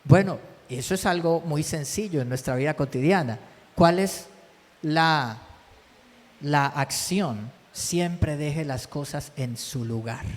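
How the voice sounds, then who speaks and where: A Colombian man preaching a sermon as pastor. He drives his points home with repetition and keeps checking in with his listeners through quick tag questions. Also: fairly high pitch. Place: church hall. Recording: church hall with long reverb.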